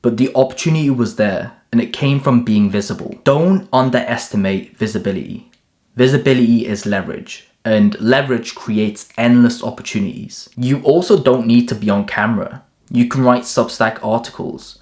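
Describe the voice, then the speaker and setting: A man's voice: medium pitch, normal speed, a little mellow. A young man, born in Turkey and raised in England, delivering a direct, motivational self-improvement monologue in short punchy lists. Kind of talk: scripted self-help monologue.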